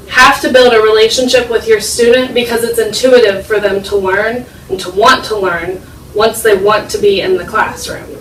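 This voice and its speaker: A woman's voice: mid-range voice, fairly bright tone, a little hiss or hum. Earnest teen girl giving an echoey speech. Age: late teens. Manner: earnest, with emphatic repetition. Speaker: high school student speaker. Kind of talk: persuasive speech. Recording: echoey room, mic far off.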